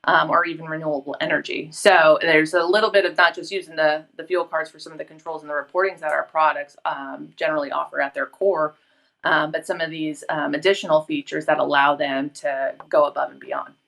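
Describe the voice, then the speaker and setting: A woman guest on a business talk show, explaining features in a measured way with frequent pauses. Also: deep voice, flat delivery, gravelly, fairly bright tone. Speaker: company guest. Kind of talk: interview answer.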